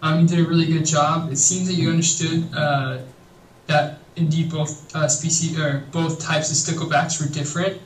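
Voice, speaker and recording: Male teaching assistant, flat delivery, friendly feedback, roomy. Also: on the high side, moderate pace, recorded from a distance. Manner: friendly, many fillers. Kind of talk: video feedback.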